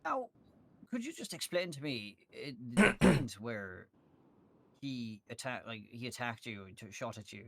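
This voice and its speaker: Man playing a lively, probing questioner. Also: mid-range voice, unhurried, creaky. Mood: probing, doubtful. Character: polite, probing man questioning a police officer. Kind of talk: improvised game role-play.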